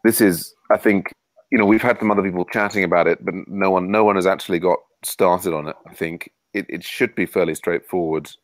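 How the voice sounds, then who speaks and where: A man's voice: low voice, steady tone, a little fast, no echo, low-quality recording. A man hosting a casual online meeting, talking with many fillers and restarts over a video call. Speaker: meeting host.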